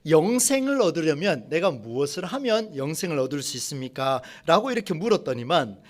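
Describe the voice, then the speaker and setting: A man preaching a sermon to his congregation, asking them questions and slowing down to read scripture aloud. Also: fairly high pitch, very animated. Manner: slows and rises when reading scripture aloud. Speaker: pastor.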